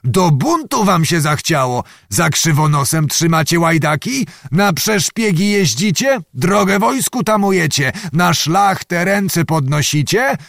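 A man shouting as a hot-tempered old nobleman. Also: sits high, expressive, a little slow, vocal fry, few pauses, dry recording, clean studio sound, pitched above the performer's own voice, full character voice. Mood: furious. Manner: shouting, scolding insults.

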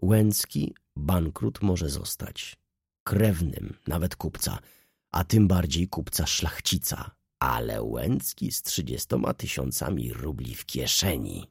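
A man doing a sly, sweet-talking lawyer from a classic audiobook, gravelly and husky, his voice rising and swooping as he coaxes and schemes, in a dry, close sound. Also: extremely low pitch, slow, no echo, exaggerated voice. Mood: scheming. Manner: animated, persuasive, theatrical emphasis. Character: scheming middle-aged male lawyer, smooth and sly. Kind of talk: audiobook character voice.

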